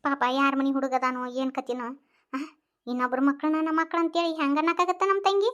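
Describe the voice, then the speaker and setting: Someone voicing a soothing village aunt, high. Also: flat delivery, fast talker, a bit bright, highs cut off. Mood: consoling. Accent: North Karnataka Kannada. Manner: soothing, coaxing. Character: older village aunt, calm consoling elder sister.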